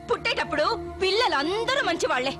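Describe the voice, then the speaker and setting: An actress playing a doting, outspoken old grandmother who scolds her son in a dubbed family film, talking in an emphatic, lively way. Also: very high voice, fast talker. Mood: scolding. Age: older. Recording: film dialogue over music score.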